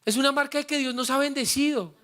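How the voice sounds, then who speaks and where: A man's voice: very high voice, fairly even intonation, fast, sharp tone. A man preaching a sermon as pastor, urging the congregation to repeat after him and sharing his own story with feeling. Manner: fervent, prompts the congregation to repeat words; personal and heartfelt storytelling.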